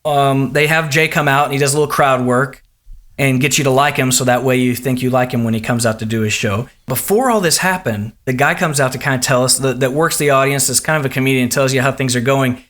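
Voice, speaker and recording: A man from Oklahoma, a guest telling a long anecdote in an animated way, acting out other people's lines. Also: mid-range voice, a little fast. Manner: acts out voices in his anecdotes. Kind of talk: animated storytelling.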